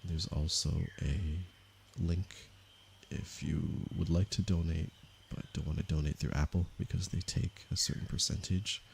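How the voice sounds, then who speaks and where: A man from Canada, a meditation teacher, speaking softly and unhurriedly to viewers of his livestream. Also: low-pitched, steady tone, vocal fry, a little hiss or hum. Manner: slow, soft-spoken and unhurried, with pauses. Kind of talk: calm livestream talk to viewers.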